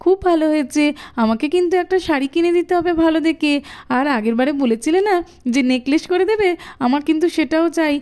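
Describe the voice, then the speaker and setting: A woman's voice: high voice, lively intonation, fast talker, darkish tone. A woman voicing a chatty, demanding village wife and mother in a doll cartoon. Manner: demanding, bargaining.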